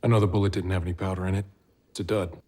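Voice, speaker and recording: An actor playing a big, guarded ex-military investigator in a TV drama, terse and matter-of-fact. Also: male voice, deep voice, level tone, very fast, heavy background noise, lightly acted. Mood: challenging. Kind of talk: naturalistic TV drama acting.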